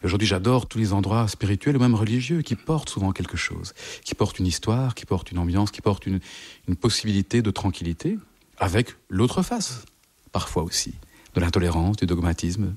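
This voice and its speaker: A middle-aged man from France, a psychologist guest, recounting his life slowly and reflectively while searching for his words. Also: deep voice, animated, a little mellow, slightly rough. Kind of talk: personal interview testimony.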